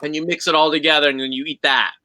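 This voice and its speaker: A man's voice: on the high side, level tone, very fast, bright, forceful tone, no room sound, low-quality recording. A man hosting a casual online show, asking upbeat questions and laughing easily. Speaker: host. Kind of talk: casual chat.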